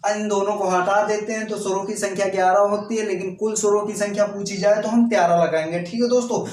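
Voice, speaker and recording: A man's voice: sits high, fairly even intonation, quick pace, darkish tone. A man teaching an exam coaching lesson who keeps checking in with his students and draws out sounds to demonstrate them. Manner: keeps repeating "ठीक है दोस्तों", drawing out sounds to demonstrate. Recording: echoey room, off-mic.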